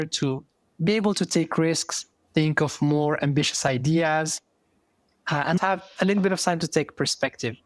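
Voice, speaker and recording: A man's voice: fairly high pitch, no room sound. A man in his thirties from Morocco with a Moroccan accent, a guest talking through his story thoughtfully with many fillers and restarts. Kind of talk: casual interview.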